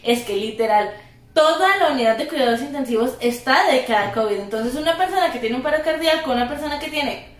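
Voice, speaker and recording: A woman's voice: high-pitched, animated, fast. A young woman with a Costa Rican accent co-hosting a casual podcast chat, slangy and talking straight to her listeners. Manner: slangy, chatty, addresses listeners as gente. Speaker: podcast co-host. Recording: echoey room.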